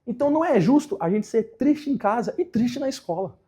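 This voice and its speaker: A man's voice: very high voice, animated, a little fast, mellow, voice pushed up. A man voicing a troubled teenage schoolboy, the class clown, who speaks in an earnest, pleading way.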